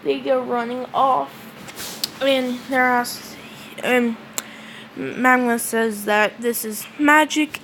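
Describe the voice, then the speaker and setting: Lady slowly retelling a fan story, lots of ums and restarts, voice on the high side, faint hiss. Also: fairly even intonation, fairly bright tone. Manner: halting, with um fillers and restarts.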